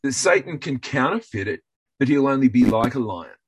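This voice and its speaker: Husky man telling an earnest story. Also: mid-range voice, animated, fairly quick, rough recording. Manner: earnest storytelling with many restarts. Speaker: guest.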